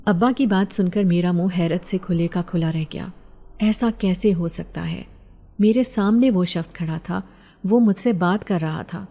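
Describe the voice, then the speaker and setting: Brief: a woman storyteller reading a first-person mystery, steady and even, with a lowish, mellow voice.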